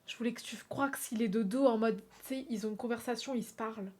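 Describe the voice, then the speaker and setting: A woman's voice: on the high side, fast talker, darkish tone. A woman streamer chatting playfully with her viewers while drawing in a game, often exclaiming aloud.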